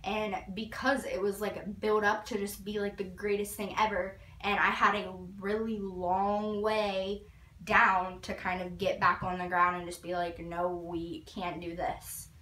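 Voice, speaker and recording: Filming a casual album review in her bedroom, this teen vlogger gushes and leans heavily on "like." Her bright, medium-pitched voice moves little in pitch and stays unhurried, picked up by a fixed camera a few feet away for a roomy, slightly distant sound.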